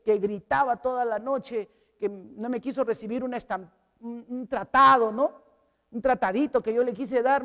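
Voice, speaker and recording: A woman's voice: a little high, in a large hall. A woman with a Peruvian Spanish accent preaching a sermon, telling a personal testimony to her congregation in an earnest way. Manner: earnest, storytelling, addresses the congregation as brothers. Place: church hall.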